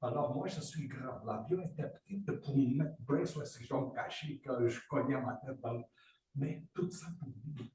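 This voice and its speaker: A man from Angola tells a story to a group with vivid energy, acting out moments with sound effects and sudden leaps in pitch. His voice sits in the middle of the male range. He is heard from a distance in an echoey room with a faint hiss behind him. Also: normal speed, warm tone. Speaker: participant sharing a story. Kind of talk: animated personal testimony. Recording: roomy, distant, faint noise.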